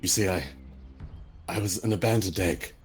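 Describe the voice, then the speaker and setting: A man playing an earnest, courteous dragonborn, speaking in measured, hesitant, formal phrases in a tabletop game. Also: low voice, faint music behind, lightly acted. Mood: wistful. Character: earnest, courteous male dragonborn raised by goblins.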